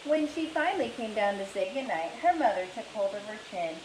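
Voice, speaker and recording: A woman reading a children's book aloud in an expressive storytelling manner. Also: medium pitch, a little fast, reverberant, background noise. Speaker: reader.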